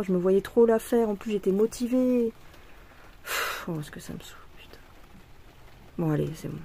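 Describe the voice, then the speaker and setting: A woman with a lowish, slightly mellow voice talks through a relaxed vlog while embroidering. Frustrated, she swears and wanders, with frequent restarts and fillers.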